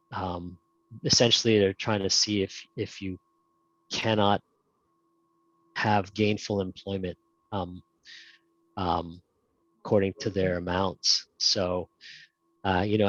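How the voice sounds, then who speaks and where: A man with a lowish, slightly bright voice, recorded dry, fields questions in a relaxed webinar talk as a guest speaker on insurance. He hesitates often, with plenty of ums and restarts, and comes through a video call as muffled, lo-fi audio.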